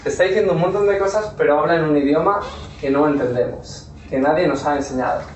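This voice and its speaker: A man from Spain with a Castilian accent tells a story in an informal workshop talk to a small audience, repeatedly checking in with "¿vale?". He speaks fast in a slightly high voice. Recorded in a therapy centre's talk room, he sounds distant, with echo and faint noise.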